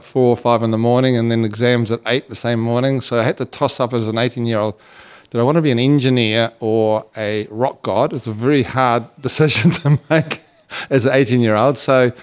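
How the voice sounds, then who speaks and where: A man's voice: medium pitch, smooth. Older New man recalling his past. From New Zealand. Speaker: business co-founder. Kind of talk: interview recollection.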